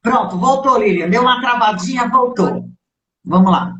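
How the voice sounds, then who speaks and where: A woman's voice: a little high, expressive, normal speed, a bit bright, muffled recording, a little hiss or hum. A woman hosting a channel interview on a video call, speaking hesitantly with fillers and tag questions. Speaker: channel host. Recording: echoey room on a video call.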